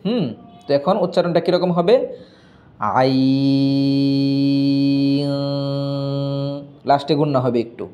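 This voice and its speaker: A man teaching a Quran reading lesson, spelling out letters slowly with long drawn vowels, then explaining quickly to his students. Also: a little high, animated, muffled recording.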